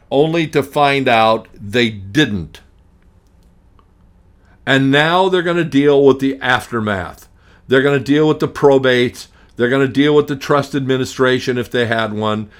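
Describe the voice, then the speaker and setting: A middle-aged man hosting a radio talk show as an estate planning attorney, ranting emphatically and hammering points through repetition, with frequent restarts. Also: mid-range voice. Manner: frequent restarts, blunt and grumpy.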